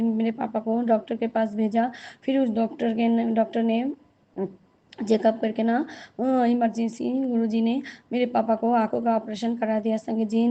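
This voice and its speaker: A hoarse woman from West Bengal speaks in a monotone devotional testimony, repeating her thanks with halting fillers. Her voice sits fairly high yet sounds very dark and mellow. The recording is dull and lo-fi. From West Bengal, India. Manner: repetitive, prayerful, halting with fillers. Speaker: devotee sharing a thanksgiving satsang.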